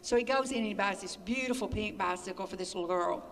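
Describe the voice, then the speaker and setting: A woman's voice: mid-range voice, quick pace. An older woman telling chatty, folksy stories as an interview guest, laughing as she goes. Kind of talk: anecdotal storytelling. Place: community building hall. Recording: echoey hall, from far off.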